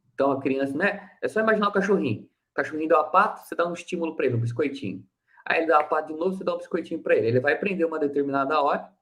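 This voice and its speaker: A man giving a spiritist teaching talk in a conversational way, acting out little dialogues with a listener. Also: a little high. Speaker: spiritist lecturer.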